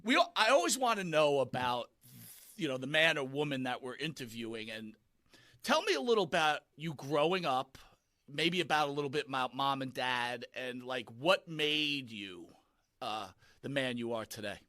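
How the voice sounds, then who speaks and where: A man co-hosting an interview, chatting casually in an excitable way and repeating filler words. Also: mid-range voice, moderate pace. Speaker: interview co-host.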